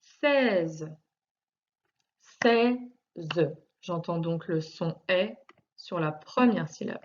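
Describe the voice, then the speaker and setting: A woman teaching a recorded lesson for young children, speaking slowly with carefully articulated, stretched-out words, patient and reassuring as she addresses one child directly. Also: fairly low pitch, expressive, dull audio. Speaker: primary school teacher.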